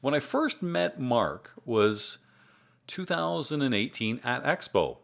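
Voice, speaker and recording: A man's voice: medium pitch, very animated, slow, creaky, a bit bright. A man hosts a casual podcast interview with plenty of enthusiasm. He leans on his words with emphasis while keeping the chat easy. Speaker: podcast host.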